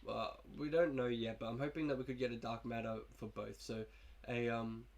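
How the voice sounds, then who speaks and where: This is casual gameplay commentary from a young YouTuber with a cold, coughing as he loosely chats about his video game team. He speaks a little fast at a medium pitch with little rise or fall.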